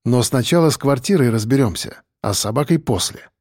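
A man's voice: medium pitch, lively intonation, brisk, darkish tone, no echo, clean studio sound, natural voice. Man voicing a wry, muttering investigator. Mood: muttered. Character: young man Max, wry streetwise investigator.

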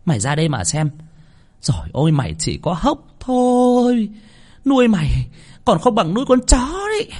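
A man's voice: high voice, very animated, moderate pace, a little mellow, breathy edge, voice pushed up, heavily acted. A man voicing a cruel, middle-aged landlord's wife who screeches and scolds her servants. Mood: scolding.

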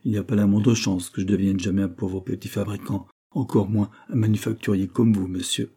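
A man's voice: lowish voice, level tone, a little fast, dark tone, breathy edge. A man voicing a modest, polite young male clerk who speaks humbly to his employer.

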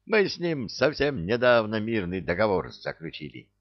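A man voicing a stern, irritable tsar with a gruff, commanding manner, in an audiobook. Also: on the low side, very animated, normal speed, no room sound, lo-fi sound. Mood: angry.

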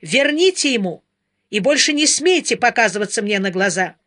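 A woman's voice: fairly high pitch, big pitch swings, normal speed, a bit bright. A woman reading the part of a bitter young woman who has turned cynical and cutting. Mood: furious. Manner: curt, cutting.

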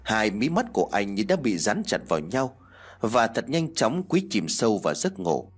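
Male storyteller, husky voice, lively pitch, scripted narration. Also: normal speed. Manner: expressive, storytelling.

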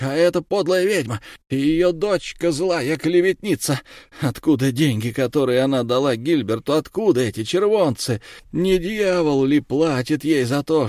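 A furious accused nobleman, voiced by a male reader, loud and pitched up. He shouts his defiance in a storybook reading with a dry close sound. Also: dry recording, close to an everyday voice.

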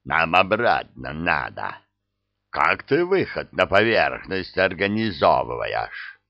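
A man voicing a gruff, angry male thief who speaks curtly. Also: low-pitched, huge pitch swings, slow pace, no echo, heavily acted. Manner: gruff, curt. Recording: dull dry studio sound.

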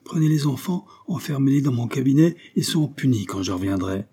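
A man's voice: mid-range voice, animated, brisk, warm tone, husky, pitched above the performer's own voice. A man voicing a stern, thundering country vicar who gives harsh orders. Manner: harsh, commanding.

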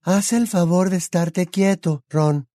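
A man voicing a dreamy teenage girl in an audiobook, speaking softly and slowly. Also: sits high, no room sound, clean studio sound, pitched above the performer's own voice. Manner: soft, slow, calm.

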